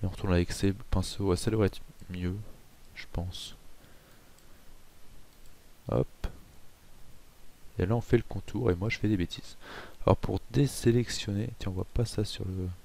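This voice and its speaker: A man hosting a casual software tutorial, chatty with self-mocking asides and frequent hesitations. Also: sits low, steady tone, normal speed, creaky, pauses often, slight background noise. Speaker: tutorial host.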